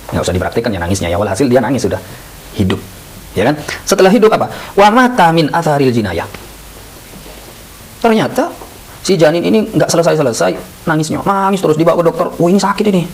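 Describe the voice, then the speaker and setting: A man teaching a lively lesson on Islamic law, who acts out little scenes in raised voices. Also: mid-range voice, rough recording. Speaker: Islamic boarding school teacher.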